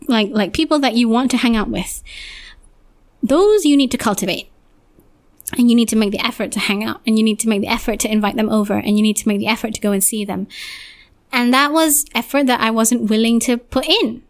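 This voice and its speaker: A young woman hosts a solo podcast in a slightly hoarse, somewhat high voice. She rambles reflectively, restarting often.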